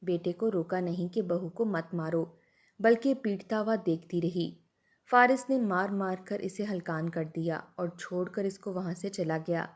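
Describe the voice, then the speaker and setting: A woman narrating an emotional story in an earnest, dramatic way. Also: on the low side.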